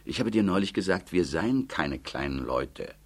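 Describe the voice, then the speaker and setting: A man's voice: low-pitched, very animated, normal speed, slightly rough, exaggerated voice. A man reading the part of a stern, practical young woman, firm and matter-of-fact as she lectures.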